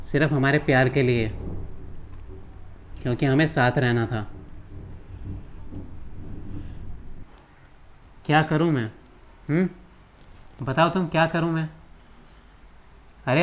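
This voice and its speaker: A man's voice: fairly high pitch, lightly acted. An actor playing a young husband who bitterly reproaches his wife, in a drama. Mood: reproachful. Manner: bitter, reproachful, pleading questions. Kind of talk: emotional drama acting.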